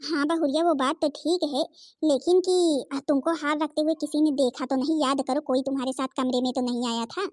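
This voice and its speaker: Woman doing a calm village mother-in-law. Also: high voice, brisk, dry recording, clean studio sound, natural voice. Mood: concerned. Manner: soothing, reasoning.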